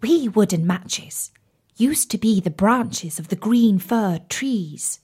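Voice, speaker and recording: A woman's voice: on the low side, measured pace, breathy edge. A woman voicing a bunch of proud, chattering wooden matches in a storybook. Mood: wistful. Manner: boastful, excited.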